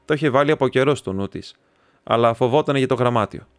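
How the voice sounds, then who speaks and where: A man's voice: medium pitch, clean tone, no room sound, soft background music, lightly acted. Talkative young student , a man reading the part. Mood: chatty. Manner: rambling, chatty, teasing. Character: talkative young male student friend, warm and excitable.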